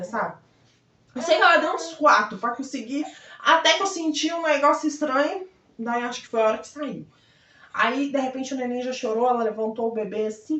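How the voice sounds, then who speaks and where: High-voiced young woman in an echoey room. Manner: lively, acts out quoted voices, laughs often. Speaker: vlogger. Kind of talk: casual storytelling. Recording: echoey room heard from a distance, dull sound.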